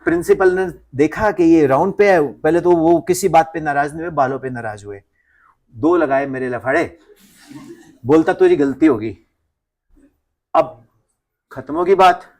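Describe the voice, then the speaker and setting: High-voiced guy teaching physics, takes it slow, tells a story to the class and does all the voices. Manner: animated, acts out voices of people in his story; mixes Hindi with English physics phrases.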